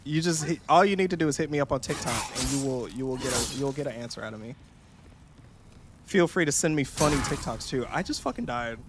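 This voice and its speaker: A man's voice: medium pitch, lively intonation, fairly quick, noisy background. A young man streaming a game, chatting casually in a jokey, profane, rambling way and slipping into mocking voices. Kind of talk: casual gameplay streaming chat.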